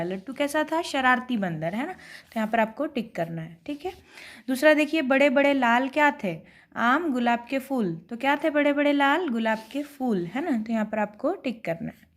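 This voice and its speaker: Patient woman teacher explaining a story. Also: high voice. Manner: repeats each question and answer, tag "है ना" often. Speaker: primary school teacher. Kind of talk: recorded class lesson.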